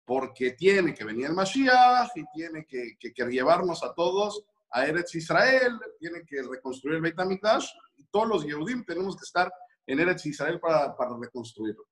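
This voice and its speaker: A man doing an old rabbi, patient and explaining, a bit high-voiced. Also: big pitch swings, normal speed, a bit bright.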